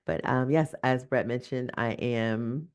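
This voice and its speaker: Woman, hoarse from a cold, scratchy voice, lively webinar self-introduction. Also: extremely low pitch, unhurried. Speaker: value consultant. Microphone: video call.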